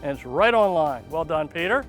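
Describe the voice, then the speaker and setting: A high-voiced man gives golf commentary in an effusive, encouraging way. He sounds like an excited contest host, exclaiming over each shot outdoors, with music clearly playing behind him. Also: normal speed.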